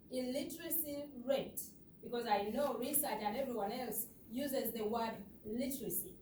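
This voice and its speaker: Ugandan woman presenting at a conference, fairly high voice, earnest and emphatic, echoey hall from a distance. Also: a little mellow, slight background noise. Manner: earnest, emphatic, with rhetorical questions to the audience. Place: lecture hall.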